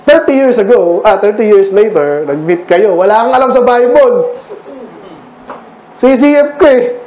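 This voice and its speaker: A man's voice: high-pitched, lively intonation, measured pace, darkish tone, reverberant, slight background noise, poor audio. A man with a Filipino accent preaching a sermon as pastor, talking with the congregation and asking them questions. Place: church.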